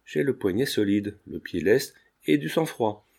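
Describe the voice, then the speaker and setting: A man's voice: fairly low pitch, expressive, a little slow, creaky, a little mellow, slightly rough, full character voice. Male narrator as an earnest young painter in love, tender, storybook.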